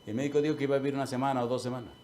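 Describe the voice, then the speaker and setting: A man, a pastor preaching a sermon and telling a personal story, swinging from loud declarations to hushed asides. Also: medium pitch, fairly even intonation, rapid-fire, slight background noise. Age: 60s.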